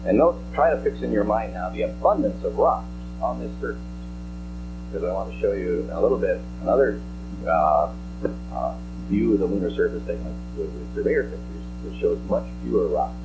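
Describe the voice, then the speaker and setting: A man presenting slides as a scientist at a briefing, explaining technical material in a halting, explanatory way. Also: deep voice, animated, over music, low-quality recording. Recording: archival press-conference audio with hum.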